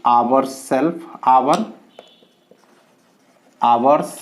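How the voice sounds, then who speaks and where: A man teaching an English grammar lesson, explaining slowly with drawn-out words and repeated points. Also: medium pitch.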